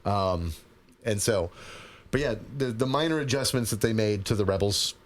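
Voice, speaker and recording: Male podcast co-host, lowish voice, loose rambling chat. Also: moderate pace. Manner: rambling, many restarts and "right?" asides. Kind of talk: casual chat.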